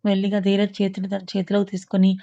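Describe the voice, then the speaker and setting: Woman storyteller, scripted narration, mellow voice, dull lo-fi recording. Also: medium pitch, vocal fry. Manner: slow, calm, even reading.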